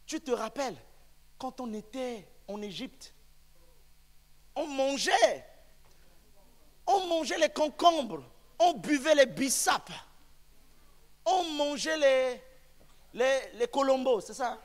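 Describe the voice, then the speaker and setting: A man's voice: extremely high pitch, lively intonation, slow pace, pauses often, voice pushed up, full character voice. A man preaching who voices a grumbling crowd wandering in the desert, whining and complaining about the comforts they left behind. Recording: long reverb of a church hall.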